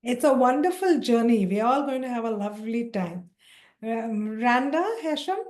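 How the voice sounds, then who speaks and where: A woman's voice: a little high, lively intonation, normal speed, darkish tone. A woman facilitating an online leadership workshop, calling out participants' names and introducing the session. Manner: friendly, calls out names one by one. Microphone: video call.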